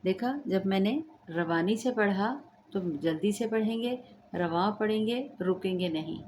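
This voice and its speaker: A woman patiently teaches the rules of Quran recitation in a slow tajweed lesson, explaining step by step, chanting passages, and checking that students understand. Her medium-pitched voice is unhurried and darkish, with slight background noise.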